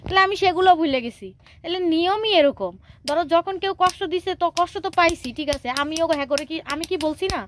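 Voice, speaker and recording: Fast-talking high-voiced young mother. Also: lively intonation, slight background noise. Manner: patient, explaining at length in a coaxing tone. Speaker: mother advising her young son. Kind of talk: casual home chat.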